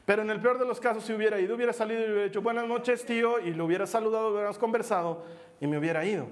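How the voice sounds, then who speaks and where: A man preaching a sermon, telling a personal story in a lively way and acting out what people said. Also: high voice, very fast. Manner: lively storytelling, acts out quotes.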